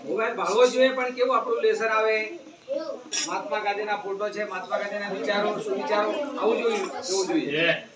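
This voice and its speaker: A man giving an animated moral talk to schoolchildren, often asking them questions. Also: high-pitched, fast talker, over a noisy crowd. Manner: animated, asks the children questions. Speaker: speaker addressing schoolchildren. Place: school gathering. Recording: echoey room, distant mic, faint ambience.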